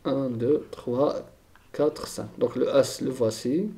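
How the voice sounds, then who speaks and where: A man's voice: medium pitch, steady tone, slow, creaky, warm tone. A man teaching a chemistry lesson, thinking aloud and repeating key terms, often checking with "d'accord?".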